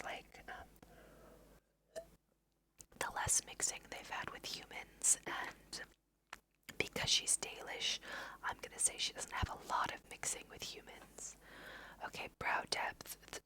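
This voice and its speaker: Guiding listeners through her play, a woman whispers quietly in ASMR fashion, slowly thinking aloud as a let's play host.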